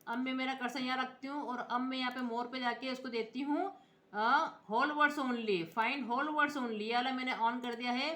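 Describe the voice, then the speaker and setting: Bright high-voiced woman teaching software. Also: steady tone, brisk, few pauses. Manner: explains step by step, spells out letters, often checks in with viewers. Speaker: computer teacher. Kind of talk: screen-recorded software tutorial. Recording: echoey room.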